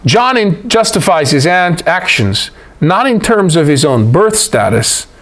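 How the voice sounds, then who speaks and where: A man's voice: fairly high pitch, sing-song, unhurried, fairly bright tone. A man with an American accent giving a Bible study lecture, reading passages and adding conversational asides to his listeners. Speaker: Bible teacher.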